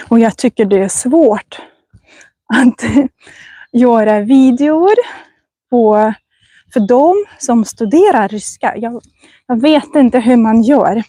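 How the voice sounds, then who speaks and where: A woman language teacher, vlogging as she walks along a forest path and speaking slowly and carefully for learners. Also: fairly high pitch, mellow, no room sound. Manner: slow, careful speech with many restarts. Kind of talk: slow vlog chat for language learners.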